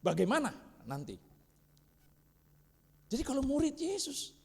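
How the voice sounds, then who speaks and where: A man's voice: extremely high pitch, wildly swooping pitch, measured pace, vocal fry. A man teaching a church discipleship class, constantly quizzing his listeners. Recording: reverberant hall.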